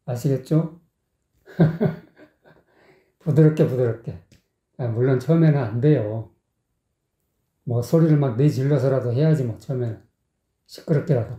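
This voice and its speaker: A singing teacher gives a vocal lesson, singing short phrases slowly and then explaining them in quick, plain speech, often checking that the learner follows. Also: medium pitch, dark tone. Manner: often checks with the learner by asking "you get it?". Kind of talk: vocal lesson with sung demonstrations. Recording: echoey, tinny phone-like sound.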